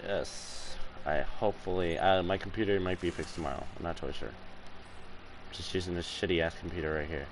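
A man's voice: sits low, fairly even intonation, brisk, background noise. A man hosting a casual gaming video, chatting in a goofy, joking, slangy way with a friend. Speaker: gaming channel host.

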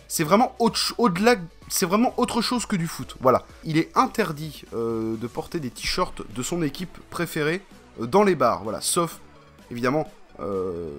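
Bright-voiced rambling man vlogger. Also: mid-range voice. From France. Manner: rambling, slangy, full of fillers. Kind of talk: casual vlog chat.

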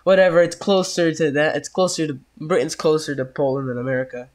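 A man's voice: fairly high pitch, fairly even intonation, a little fast. Sick man jokily commentating a horror game. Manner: casual, jokey, easily spooked. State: sick, coughing. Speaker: gameplay commentator.

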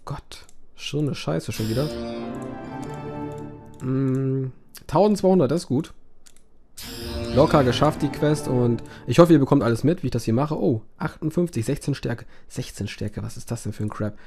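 A man talking through a browser game in let's play style, cursing at it and breaking into sudden loud cries of despair. His voice sounds worn and strained after hours of talking, and quiet game music plays under it. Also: medium pitch, moderate pace, long pauses. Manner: swears and groans at the game, dramatic outbursts.

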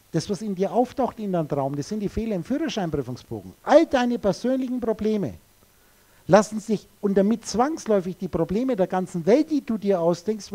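Man, spiritual lecture, blunt, provocative, crude words, speaks directly to listeners, mellow dark voice. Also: high-pitched.

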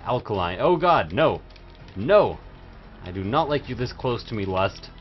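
A young man giving casual livestream game commentary in a rowdy, silly, tipsy party-animal way. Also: lowish voice. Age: young adult. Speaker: livestream host playing a video game. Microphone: microphone pulled close to the face. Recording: dull lo-fi stream audio with music. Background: game music.

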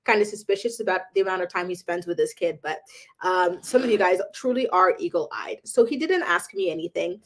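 A woman's voice: lowish voice, fairly quick. A woman hosting a celebrity gossip channel, talking casually and with opinions, often using "um" and "like". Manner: chatty and opinionated, frequent "um" and "like".

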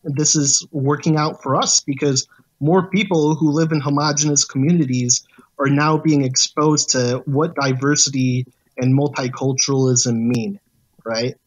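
A man's voice: medium pitch, fairly even intonation, measured pace. Hesitant male podcast guest. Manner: hesitant, many uh and like fillers. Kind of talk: casual chat.

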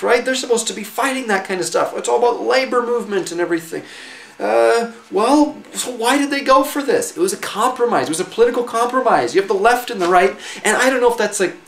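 Sarcastic man rambling in an echoey room. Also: high-pitched. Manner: conversational, rambling, sarcastic asides, frequent restarts. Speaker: vlogger introducing a reading-list article. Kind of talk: casual spoken commentary on an essay.

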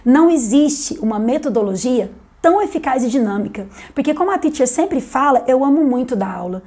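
A woman from Brazil, an English teacher, chatting through a video lesson and slowly repeating English words for emphasis. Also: fairly high pitch, dark tone.

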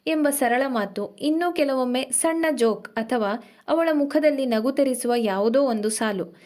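A woman narrates a serialized audio story in a calm, expressive way. Her voice sits a touch higher than most women's. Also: measured pace.

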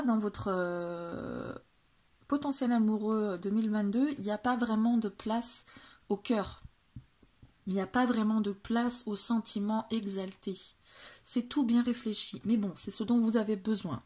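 Husky woman giving a tarot reading. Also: medium pitch, a little mellow. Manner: hesitant, many fillers and restarts. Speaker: tarot reader. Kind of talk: casual tarot reading video.

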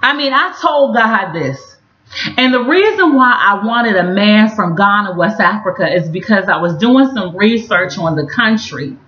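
A woman sharing a personal faith testimony with her viewers, speaking directly to them and acting out her own past lines with big jumps in pitch. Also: animated, normal speed, a bit bright. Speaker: video host sharing a personal story. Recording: roomy, slightly dull recording.

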